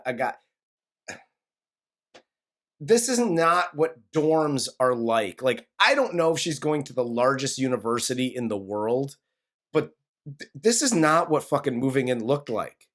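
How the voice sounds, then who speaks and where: A man's voice: mid-range voice, a bit bright. Profane ranting male movie reviewer. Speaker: podcast co-host. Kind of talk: casual movie review chat.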